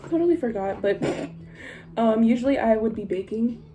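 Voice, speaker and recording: A woman's voice: fairly high pitch, lively intonation, normal speed, warm tone, low-quality recording. A young woman talking casually to camera in a stoned, rambling stoner manner, informal and sweary as she chats through getting ready. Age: young adult. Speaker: vlogger. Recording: music playing behind the voice. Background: music.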